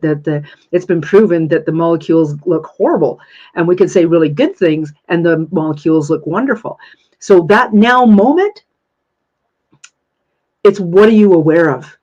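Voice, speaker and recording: The recording cuts off the highs, leaving a fairly low, slightly mellow female voice. She is in her thirties and leads a live spiritual Q&A, talking earnestly and gushingly while repeating phrases to drive points home.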